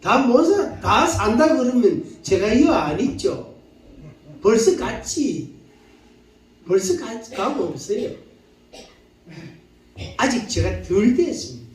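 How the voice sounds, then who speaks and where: A high-voiced male pastor with a Daegu accent preaches with lively, swooping intonation. He leans on repetition and invites the congregation to repeat his lines. The voice rings through a very echoey church hall, picked up from a distance. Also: slow pace, long pauses. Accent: Gyeongsang (Daegu) dialect. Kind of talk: sermon.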